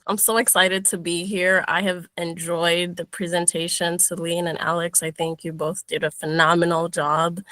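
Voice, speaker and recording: A woman's voice: fairly low pitch, sharp tone, dry recording. A young woman from Kenya, a guest speaker giving an upbeat webinar presentation over a video call, with frequent "um"s and restarts.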